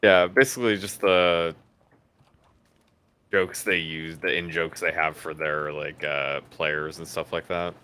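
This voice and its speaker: A young man chatting with a friend during a video game, explaining his thoughts in an animated, loose way with plenty of fillers. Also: sits low, a little slow, slight background noise. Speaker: co-player. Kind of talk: casual gameplay chat.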